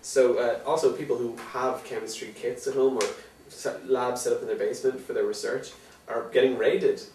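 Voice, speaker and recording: A man co-hosting a joking tech news chat, irreverent and laughing through deadpan dark jokes. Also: medium pitch, normal speed. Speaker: co-host. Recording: roomy, distant mic, faint hiss.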